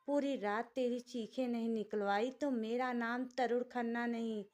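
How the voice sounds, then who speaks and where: A woman's voice: a little high, fairly even intonation, measured pace, darkish tone, close to an everyday voice. A woman voicing a cruel young man who hurls harsh threats. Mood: menacing. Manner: menacing, harsh.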